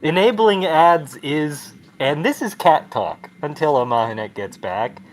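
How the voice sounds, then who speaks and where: A man's voice: a little high, animated, unhurried. A young man co-hosting a casual game stream, sarcastic and profane, rambling through banter. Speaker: streamer co-host. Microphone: headset.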